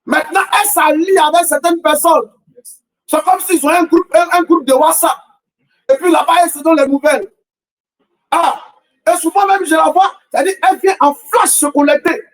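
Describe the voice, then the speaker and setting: A man preaching a sermon as a prophet, shouting repeated rhetorical questions in a half-sung cadence. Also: very high-pitched, steady tone, moderate pace, distant mic, rough recording. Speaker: prophet preaching a morning prayer.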